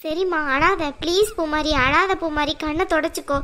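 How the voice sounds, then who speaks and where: A woman's voice: extremely high pitch, a little fast, pushed and bright. A woman voicing a kind but stern mother-in-law in a cartoon, firm and soothing by turns. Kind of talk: cartoon voice acting.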